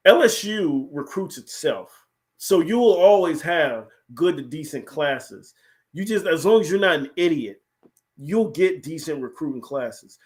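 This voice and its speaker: A man, co-hosting a casual sports talk show and making his points with animated emphasis. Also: a little high. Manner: animated, emphatic, repeats "here's the thing". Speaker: podcast co-host.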